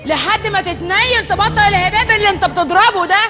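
A woman's voice: very high-pitched, quick pace, bright, forceful tone, faint music behind. A woman with an Egyptian accent acting in a comedy sketch, scolding and exasperated. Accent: Egyptian Arabic.

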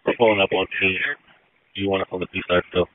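A man's voice: low voice, little pitch movement, fast, slight background noise. An American man giving brief emergency messages over a two-way radio. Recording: thin, narrow two-way radio channel.

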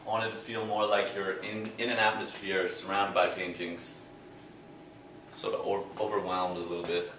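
A young Canadian painter speaks low and unhurried about his art at his exhibit, relaxed and rambling, stumbling over fillers and restarting phrases in casual interview answers. A handheld camera close by records him in an echoey gallery with a faint hum of ambience.

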